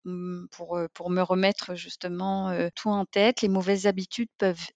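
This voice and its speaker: A woman giving testimonial answers in an interview, speaking in a halting, thoughtful way with frequent fillers. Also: lowish voice, little pitch movement, vocal fry, no echo, highs cut off. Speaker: program client giving a testimonial.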